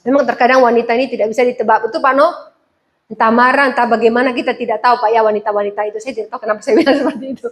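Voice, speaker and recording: A woman's voice: a little high, fairly even intonation, very fast. A woman pastor giving a conversational sermon, asking the congregation questions and laughing at her own jokes.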